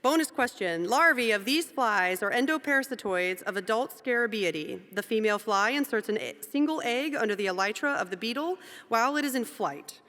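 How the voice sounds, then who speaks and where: A woman's voice: a little high, expressive, fairly quick, hardly any pauses, a bit bright. A woman moderating a quiz competition, reading questions aloud and joking between them, in a large event hall. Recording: long hall reverb.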